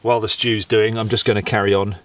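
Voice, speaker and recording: A man's voice: on the low side, level tone, fast, fairly bright tone. A man in his forties with an English accent, tired and self-deprecating, talking to camera while working outdoors in a woodland at night. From England. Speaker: bushcraft vlogger. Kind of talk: casual narration to camera. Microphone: camera mic, close framing.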